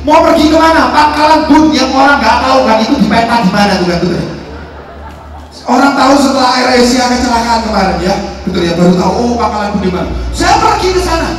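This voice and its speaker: A man giving a motivational stage talk to a crowd, dropping to quiet storytelling and rising to shouted rallying cries. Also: very high-pitched, lively intonation, quick pace. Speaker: motivational speaker. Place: large hall. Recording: echoey hall recorded from far off, music behind.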